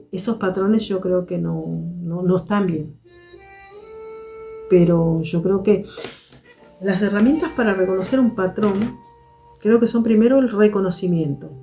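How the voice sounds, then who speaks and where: A woman hosting a live stream, speaking to her viewers in a measured, reflective way and repeating her key points. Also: mid-range voice, mellow.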